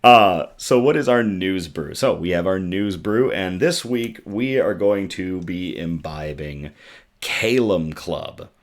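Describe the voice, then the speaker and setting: This man's voice is low, raspy, and worn out, and he takes his time. He loosely hosts a good-news livestream from home over a desktop USB microphone, filling the chat with ums and reading out comments from viewers.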